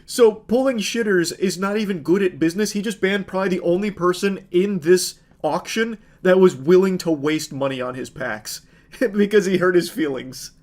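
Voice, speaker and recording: Brief: male online commentator, somewhat high voice, dry sarcastic reaction delivery. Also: normal speed, darkish tone. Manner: sarcastic, exasperated.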